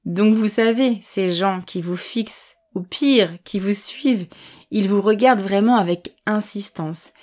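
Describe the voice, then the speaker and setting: A woman teaching a vocabulary lesson, slowly and distinctly explaining each word with everyday examples. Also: mid-range voice, darkish tone. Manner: patient, clear explanations with examples; speaks slowly and distinctly on purpose. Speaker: French language teacher.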